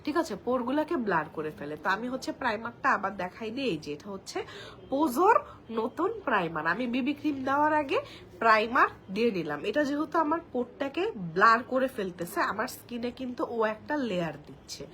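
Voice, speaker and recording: A woman with a Bangladeshi accent chatting through a live makeup demo, speaking softly because she has a cold and a sore throat. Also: on the high side, sing-song, fairly quick. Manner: talks softly while applying makeup, chatty. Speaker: makeup brand presenter. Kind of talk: live product demo chat.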